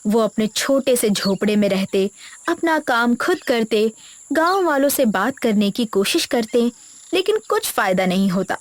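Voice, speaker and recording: Woman narrating a storybook, fairly high voice. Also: sing-song, unhurried. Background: background music.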